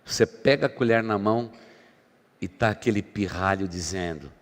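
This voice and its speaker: A pastor delivers a sermon in a somewhat low voice. He shifts dramatically between loud, emphatic lines and soft, quiet asides. His voice rings with the long reverb of a church hall. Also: normal speed. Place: church sanctuary.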